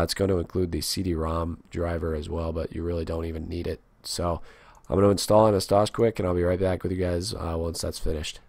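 A man with a cold and sore throat, hosting a casual software tutorial with many fillers. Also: low voice, no room sound. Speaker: tech tutorial host.

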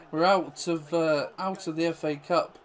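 A man giving chatty live commentary over his own football video game, self-deprecating and bursting into excitement at goals. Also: on the high side, slow. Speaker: gaming YouTuber.

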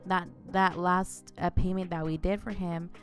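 Young woman, lowish voice, easygoing chat. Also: little pitch movement, unhurried, soft background music. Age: 20s. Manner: easygoing, giggly, reads questions aloud. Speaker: co-host of a couple's channel. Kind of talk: casual Q&A chat. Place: small home studio room. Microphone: studio microphone on a stand, close.

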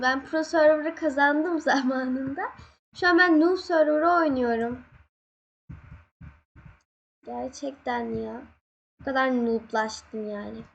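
Young woman, high voice, casual gameplay commentary, excitable, jumpy. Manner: excitable, laughs and yelps when scared. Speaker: gaming channel host.

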